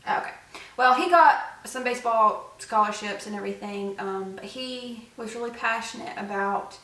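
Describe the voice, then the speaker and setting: A young woman co-hosting a vlog chats casually and rambles, filling her talk with lots of fillers. Her voice is a little high, pushed and bright, at a moderate pace. The mic sits at a distance in an echoey room.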